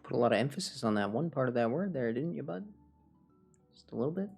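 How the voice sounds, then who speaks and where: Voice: mid-range voice, animated, fast, creaky, darkish tone, breathy edge, faint music behind. A streamer giving casual, sarcastic commentary while playing a game. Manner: sarcastic, dry.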